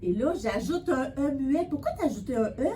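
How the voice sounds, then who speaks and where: A woman tutoring a child in spelling, patient and encouraging, sounding out words slowly. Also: high-pitched, animated, background noise. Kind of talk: one-on-one spelling lesson.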